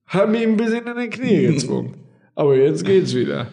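Young male co-host, mellow tone, slightly high, jokey casual talk. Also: big pitch swings, a little fast, gravelly. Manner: joking, mock-serious asides. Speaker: podcast co-host. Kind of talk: casual chat.

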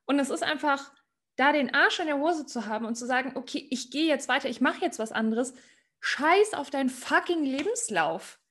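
A woman's voice: sits high, animated, moderate pace, a bit bright. A woman hosting a casual podcast chat, blunt and swearing freely as she cuts in. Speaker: podcast host.

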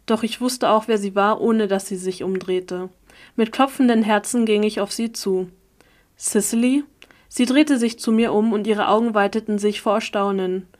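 Female audiobook narrator, first-person story, even and steady, mid-pitched voice. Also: normal speed. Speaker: audiobook reader.

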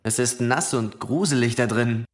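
A man's voice: mid-range voice, normal speed, lightly acted. An actor voicing a young male wannabe pirate from a game, cheeky and sarcastic, delivering dry quips in dubbed dialogue.

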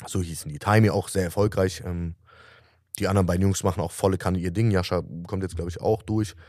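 A man's voice: low-pitched, fairly even intonation, fast, darkish tone, no room sound, clean studio sound. A man in his thirties, a musician guest, talking earnestly and reflectively in a casual interview, often restarting his sentences.

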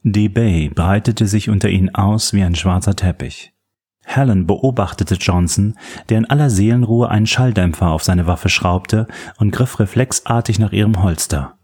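Deep, husky male audiobook narrator. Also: normal speed, darkish tone. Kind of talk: scripted narration.

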